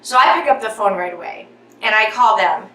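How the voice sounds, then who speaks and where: Animated young woman venting in echoey room. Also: medium pitch, fairly quick, recorded from a distance. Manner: talks with her hands, getting worked up and out of breath. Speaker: vlogger. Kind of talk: animated storytime vlog. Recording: echoey room, voice a bit off-mic.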